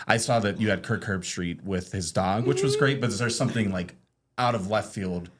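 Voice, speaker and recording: A man co-hosting a podcast, relaxed, asking rambling questions and often saying "yeah". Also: on the low side, moderate pace, a crowd in the background. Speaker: podcast co-host. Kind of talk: casual interview chat.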